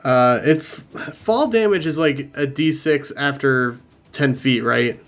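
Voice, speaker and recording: A man's voice: medium pitch, takes it slowly, a bit bright, faint music behind. A man running a tabletop game as game master, easygoing and a little hesitant.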